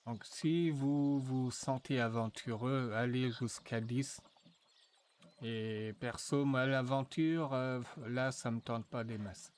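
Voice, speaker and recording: Guy doing a software tutorial, slow and hesitant, lots of ums, mid voice. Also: mid-range voice, fairly even intonation, slight background noise. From France. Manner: slow, hesitant, thinking aloud with many fillers. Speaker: tutorial presenter. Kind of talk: screen-recorded software tutorial.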